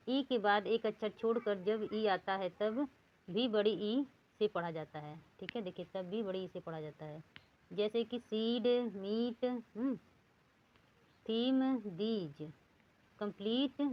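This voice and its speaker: A woman teaching English reading rules, saying words one at a time and repeating them slowly. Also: mid-range voice, highs cut off, a little hiss or hum. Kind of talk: lesson.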